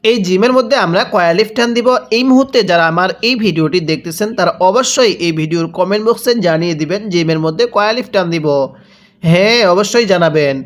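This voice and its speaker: A man teaching Quran reading, spelling out letters and drawing out syllables slowly, and repeatedly prompting the learner to read along. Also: high-pitched. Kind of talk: spelled-out recitation lesson.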